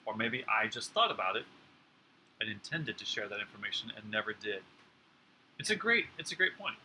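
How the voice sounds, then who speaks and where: A chatty man co-hosts a kitchen talk show, teasing himself as he goes. His voice is very bright and forward, with a faint hiss behind it. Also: lowish voice, very animated, fairly quick, poor audio. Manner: chatty, self-deprecating, playful. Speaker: cooking show co-host. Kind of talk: casual chat. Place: home kitchen.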